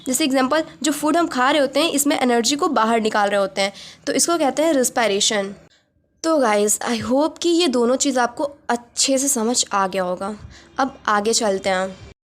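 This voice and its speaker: A woman's voice: fairly high pitch, normal speed. A young woman explaining a school biology lesson, addressing students directly and mixing English terms into her Hindi. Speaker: teacher.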